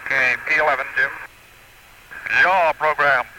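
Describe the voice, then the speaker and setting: An astronaut calling out clipped, flat procedural reports over a crackly space radio transmission. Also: male voice, a little high, unhurried. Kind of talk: terse radio callouts. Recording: noisy archival radio link.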